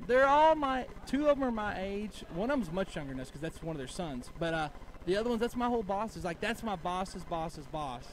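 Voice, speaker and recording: A man in his forties hosts a casual chat and fires off quick, teasing questions. His voice sits high and moves fast. Background noise from a busy venue runs under him. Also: sing-song. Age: 40s. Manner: teasing, rapid-fire questions. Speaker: host. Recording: noisy venue with background chatter.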